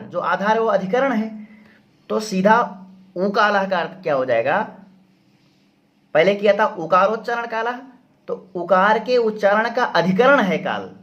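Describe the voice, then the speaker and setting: Slow, high-voiced man teaching grammar. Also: a bit bright, dull audio. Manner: repeats terms slowly, asks and answers his own questions. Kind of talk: explanatory grammar lesson.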